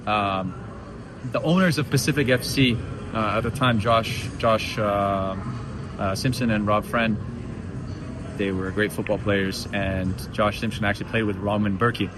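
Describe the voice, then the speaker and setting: A man's voice: lowish voice, fairly even intonation, unhurried. A young man from Belgium, a professional footballer, answering post-match interview questions thoughtfully with many restarts. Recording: noisy outdoor stadium interview.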